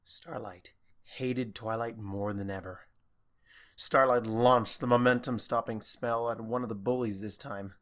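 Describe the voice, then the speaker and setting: A man narrating a fan fiction audiobook in a steady, even storytelling manner. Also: mid-range voice, a little slow.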